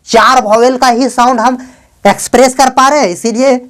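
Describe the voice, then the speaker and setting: A man's voice: very high-pitched, steady tone, fairly bright tone. Male teacher drilling syllables with students. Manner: repeats questions to students, joking, spells letters out slowly; calls students "beta" in a fatherly way. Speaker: English teacher. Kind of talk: classroom lesson in Hindi. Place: classroom with students.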